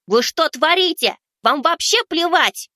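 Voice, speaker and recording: A male narrator voicing a young man, a summoner who taunts his enemies in a high, mocking tone. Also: animated, measured pace, pushed and bright, no echo, clean studio sound, exaggerated voice. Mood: outraged. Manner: shrill, mocking, taunting cackle. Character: young male summoner turned gleeful, menacing avenger. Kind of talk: audiobook character voice.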